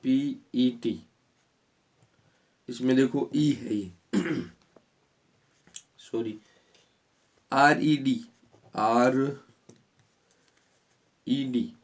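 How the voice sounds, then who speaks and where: A male coaching teacher walks through spelling rules at a very unhurried pace. He repeats each example word and spells it out letter by letter, at a voice pitch that is neither high nor low. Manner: slow, repetitive, spells words out letter by letter. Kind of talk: spelling lesson.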